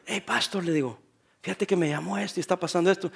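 Animated older pastor preaching. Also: male voice, sits high, quick pace, gravelly, husky. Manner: animated preaching, swings from soft to shouting. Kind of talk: sermon.

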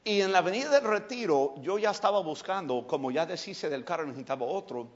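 A male pastor preaching a sermon, telling stories in an animated way and breaking into shouts. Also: sits high, quick pace, muffled recording.

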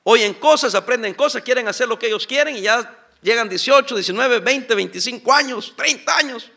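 Middle-aged pastor guy, high bright voice, preaching a sermon, keeps asking the church if they're with him. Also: a little fast, gravelly. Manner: preaching with call-and-response questions.

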